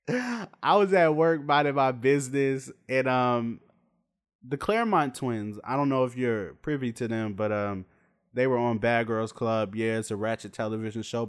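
A man hosting a casual commentary video, talking in a profane, slangy rant with sudden high-pitched outbursts. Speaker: video host.

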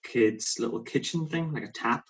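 A man in casual conversation as a podcast co-host, telling rambling stories and interrupting himself, his voice jumping up when he gets excited. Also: medium pitch, moderate pace, rough recording. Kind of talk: casual chat.

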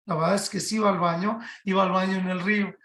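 A man giving a rabbi's sermon in an animated way, raising his voice to a shout for emphasis and asking many rhetorical questions. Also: high voice, quick pace, echoey room. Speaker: rabbi giving a Torah talk.

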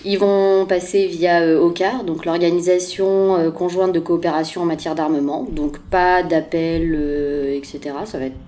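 A woman co-hosts a casual news podcast, presenting the news with frequent hesitations, many fillers, and self-deprecating remarks. Her voice is lowish, warm, and steady, at a measured pace with few pauses.

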